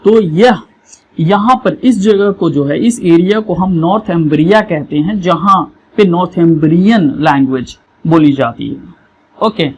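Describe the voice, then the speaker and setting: A teacher, giving an exam revision lesson over a map, explaining slowly and often checking that students follow. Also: medium pitch, a little mellow, breathy edge, muffled recording.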